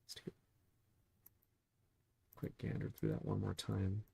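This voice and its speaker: A man with a lowish, creaky, somewhat mellow and slightly rough voice speaks a little slowly in a completely flat delivery. He's a real estate agent giving a casual market review while browsing listings, chatting his way through them and tossing out rhetorical questions.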